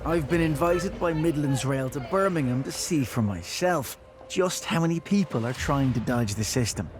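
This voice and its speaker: A man's voice: medium pitch, expressive, moderate pace, background noise. A man reading scripted television documentary narration, with music behind him.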